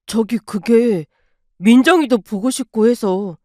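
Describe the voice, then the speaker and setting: A woman voicing a sick, shameless middle-aged father who pleads in a low, slow, whining voice. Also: a little mellow, dry recording, studio quality. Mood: pleading.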